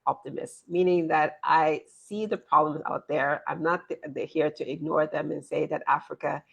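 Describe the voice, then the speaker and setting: A woman's voice: low-pitched, fairly even intonation, moderate pace, gravelly, breathy edge, muffled recording. A woman in her forties, born in Nigeria and raised in the US, talking earnestly as an interview guest and often repeating words. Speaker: guest, business consultant. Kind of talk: interview conversation.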